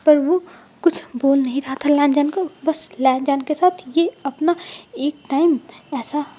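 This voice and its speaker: A woman narrating a fan fiction story in a casual storytelling style, with a plain, steady delivery. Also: sits high, unhurried.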